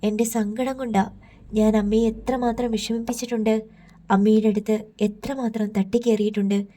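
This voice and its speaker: A young daughter, once proud, now pleads with her mother in an audiobook, read by a woman. Her voice is mellow and even, choked with held-back tears. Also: on the high side, normal speed, lightly acted. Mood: pleading remorse.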